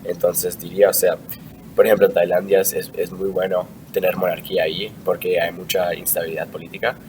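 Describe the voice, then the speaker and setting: Deep-voiced young man, hesitant, distant mic. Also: level tone, fairly quick, darkish tone. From Argentina. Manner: hesitant, many fillers and restarts. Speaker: interviewee. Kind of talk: casual interview answers. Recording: distant mic with clear background noise.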